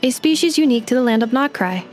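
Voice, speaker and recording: A woman voices a polite female robot guide assistant in video game dialogue, with music playing behind her. Her natural voice is fairly high, expressive and fast, and the character speaks in a calm, precise, formal and factual way.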